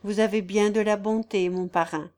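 A woman's voice: medium pitch, fairly even intonation, normal speed, darkish tone, lightly acted. A woman reading a novel aloud voices a simple, devout young peasant girl with artless, rustic phrasing. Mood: earnest. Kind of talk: audiobook character voice.

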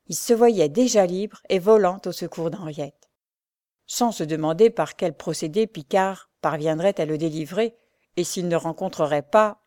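A woman reading a classic adventure story aloud in a measured narration. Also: fairly low pitch, warm tone, dry recording, clean studio sound.

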